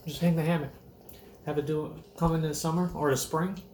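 A man's voice: on the high side, fairly even intonation, brisk, darkish tone. Man, laid-back, joking, swears, roomy echo, faint hiss. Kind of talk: casual chat.

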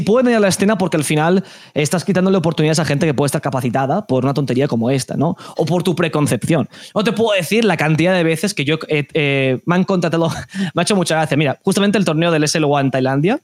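Fast-talking Spanish man, animated. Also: fairly high pitch, dry recording. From Spain. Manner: animated, opinionated, frequent restarts. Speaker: esports caster. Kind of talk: casual podcast chat.

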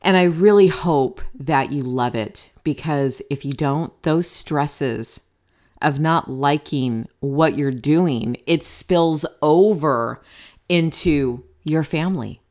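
Low-voiced motivational podcast woman. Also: takes it slowly, a little mellow. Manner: candid, chatty, motivational, casual swearing. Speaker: podcast host. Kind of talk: solo podcast monologue.

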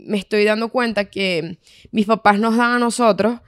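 A woman's voice: mid-range voice, fairly even intonation, normal speed, no echo, clean studio sound. A young woman with a Venezuelan accent co-hosting a casual podcast, talking candidly with lots of slang. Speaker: podcast co-host. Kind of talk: casual chat.

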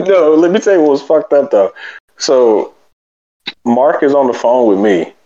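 A man co-hosting a podcast in casual chat, telling animated, joking stories about his son. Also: medium pitch, unhurried, dull audio. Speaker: podcast co-host.

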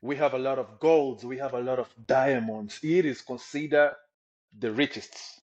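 With a steady, mid-range voice at normal speed, a young man from the Democratic Republic of the Congo shares his personal story on a podcast, full of energy and enthusiasm, over slightly dull lo-fi sound.

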